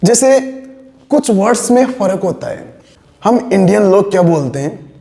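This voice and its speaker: High-voiced Indian man teaching English. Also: lively intonation, mellow, long reverb tail. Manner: mixes Hindi and English, models sentences slowly for students to repeat. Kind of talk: classroom lesson in Hindi mixed with English. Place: classroom with students.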